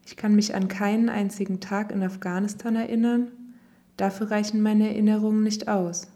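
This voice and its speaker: A woman reading a personal first-person text aloud in a calm, even, reflective way. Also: mid-range voice, normal speed. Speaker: reader.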